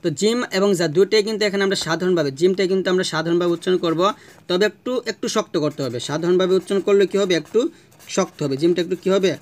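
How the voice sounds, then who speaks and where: Man, Bangladeshi Bengali accent, high-pitched voice, patient lesson, slow repeated drills, rhetorical questions. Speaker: Quran recitation teacher. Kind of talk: classroom lesson.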